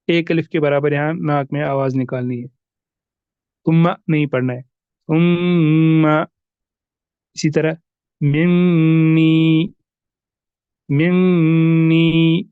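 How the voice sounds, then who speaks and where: Man, tajweed teacher, patient, repeats examples, slightly high voice, smooth tone, dry dull recording. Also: no echo. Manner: patient, repeats examples slowly, asks and answers own questions. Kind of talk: recorded lesson explaining rules.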